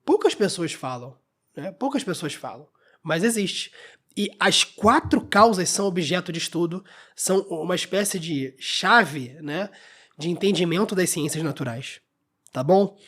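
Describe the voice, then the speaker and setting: A man's voice: high voice, lively intonation, measured pace, fairly bright tone. A man hosting a solo podcast, explaining ideas step by step and often checking that the listener is following. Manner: explains patiently with frequent checks like "né?" and "tá?". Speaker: podcast host. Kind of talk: solo lecture-style podcast talk.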